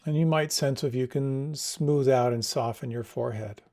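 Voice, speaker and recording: A man leading a guided meditation, giving slow, soft, soothing instructions. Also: medium pitch.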